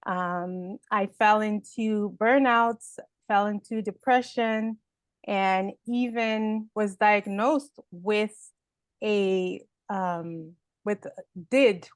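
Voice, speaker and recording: Woman guest, personal growth speaker, slow, hesitant, dry recording. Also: mid-range voice, clear, resonant tone, no room sound. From Haiti, raised in Canada. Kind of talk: interview answers.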